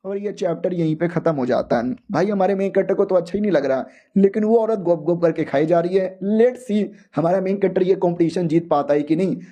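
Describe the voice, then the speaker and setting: A man's voice: high-pitched, fairly quick, mellow. A young man casually recapping a comic story in a slangy, joking, profane way.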